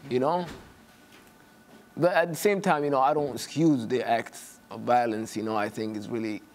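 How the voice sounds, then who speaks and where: Soft, hesitant young man from Somalia. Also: mid-range voice, fairly even intonation, moderate pace, slight background noise. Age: young adult. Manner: hesitant, soft-spoken, many "you know" fillers. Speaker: actor guest. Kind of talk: studio interview. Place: TV studio set, indoors.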